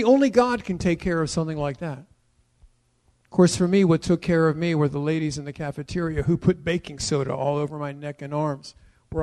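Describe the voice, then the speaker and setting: A man from the United States preaching a sermon, moving between quiet asides and loud declarations and asking the congregation questions. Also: high-pitched. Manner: tells personal stories and asks the congregation questions. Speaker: pastor.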